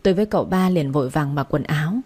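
Female audiobook narrator, low warm voice, steady first-person storytelling. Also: very fast, breathy edge.

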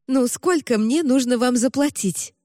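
A woman's voice: high-pitched, measured pace, dark tone, no echo, studio quality, in a large hall, pitched above the performer's own voice. A woman voicing a frantic, overeager mother with an exclamatory, giddy manner. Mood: overjoyed.

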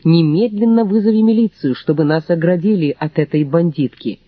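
A man's voice: fairly high pitch, a little fast, no room sound, narrow, tinny audio, natural voice. A man reading an audiobook, voicing an imperious, theatrical elderly mother-in-law who wails and demands. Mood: shrill demanding. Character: shrill scheming elderly mother-in-law, woman.

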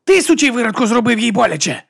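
A man's voice: high voice, sing-song, a little fast, vocal fry, fairly bright tone, husky, pitched above the performer's own voice, full character voice. A man voicing a savage, hot-tempered female werewolf warrior who snarls threats, in an audiobook reading. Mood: menacing.

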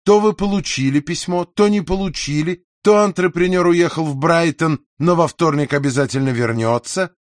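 A man voicing a nagging, sharp-tongued middle-aged landlady in an audiobook, scolding and insistent. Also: a little high, moderate pace, few pauses, no echo, voice pushed up, close to an everyday voice. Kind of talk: audiobook character voice.

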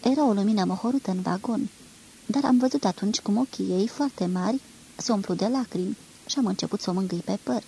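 Mellow-voiced woman reading a novel. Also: mid-range voice, creaky, a little hiss or hum, rough recording. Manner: measured, expressive storytelling. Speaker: reader. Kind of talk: literary audiobook reading.

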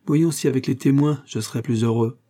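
Sly older police inspector, read by a man, feigned humility, dark voice, husky, audiobook. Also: medium pitch, a little fast, natural voice. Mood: muttering. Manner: feigned humble politeness, sly muttered asides. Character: cunning older male police inspector posing as a deaf provincial uncle.

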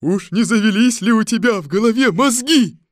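A woman voicing a kindly male tin woodman who praises his friend, in a warm storybook manner. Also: fairly high pitch, expressive, moderate pace, no room sound, studio quality, voice pushed up, lightly acted. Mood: admiring.

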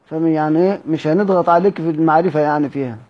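A man with an Egyptian Arabic accent teaching a class, repeating questions to his students and reciting passages slowly in a drawn-out chant. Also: a little high, lo-fi sound.

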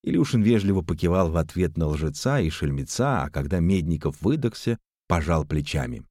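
Give me a male audiobook narrator with a deep, dark voice. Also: lively intonation, fairly quick, no echo, clean studio sound. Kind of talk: scripted narration.

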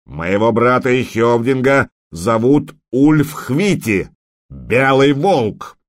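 A man's voice: medium pitch, animated, moderate pace, no room sound, clean studio sound, voice pushed up, close to an everyday voice. A man voicing a furious young berserker warrior who roars and snarls his words. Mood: furious roaring. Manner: roaring, snarling.

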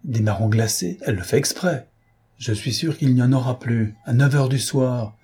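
A man voicing a wry, amused young man in an audiobook, with a husky voice. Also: medium pitch, moderate pace, mellow. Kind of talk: audiobook character reading.

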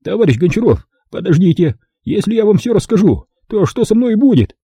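A man doing a blustering crook who threatens one moment and pleads the next, his voice pitched up and strained. The tone is dark and husky, read close and dry in an audiobook. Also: very animated, a little fast, no echo, full character voice. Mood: panicked. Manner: shrill, blustering, frightened. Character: panicky indignant middle-aged male photographer.

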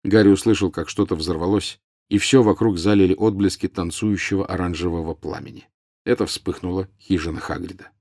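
A man reads a fantasy audiobook with tense, urgent drive. His voice is low and the recording close and dry. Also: fairly even intonation, fairly quick, vocal fry, a little mellow, dry recording. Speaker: audiobook narrator. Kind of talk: dramatic audiobook narration.

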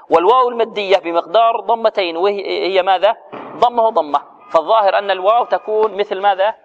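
A man teaching Quran recitation, correcting students and drilling sounds with rhetorical questions, recorded in a dull echoey hall. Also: high voice. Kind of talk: tajweed lesson, correcting students.

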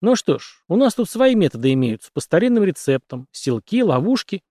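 A talkative country taxi driver, a simple hunting man, as an audiobook narrator plays him. He rambles folksily, raised above a plain speaking voice and lively in pitch. Dry, close recording. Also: no room sound. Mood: folksy. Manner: folksy, unhurried talk. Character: chatty rural taxi driver and hunter, man.

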